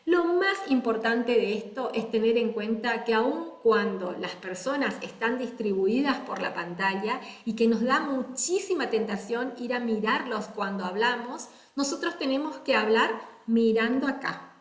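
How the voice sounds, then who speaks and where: A woman's voice: fairly high pitch, expressive, a little slow, few pauses. A woman teaching public speaking in a webinar, explaining step by step over a video call. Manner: explains step by step, models her own intonation. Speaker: speech coach. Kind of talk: webinar lecture. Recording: echoey room.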